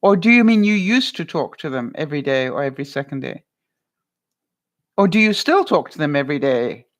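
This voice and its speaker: A woman vlogger chats casually on a livestream, answering viewers by name, lively and quick to laugh. Her deep, loud voice carries.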